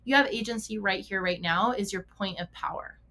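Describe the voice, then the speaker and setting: A woman's voice: mid-range voice, a little fast, pushed and bright, a little hiss or hum. A middle-aged woman hosting a podcast as a mental performance coach for riders, talking casually, asking rhetorical questions, correcting herself and laughing often. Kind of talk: casual solo podcast talk.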